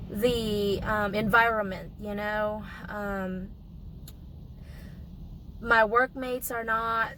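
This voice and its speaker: A young adult woman with a hoarse voice from a cold, coughing now and then, giving a casual vlog update in a halting way with many pauses and restarts. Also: a little high, sharp tone, slight background noise, low-quality recording. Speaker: vlogger.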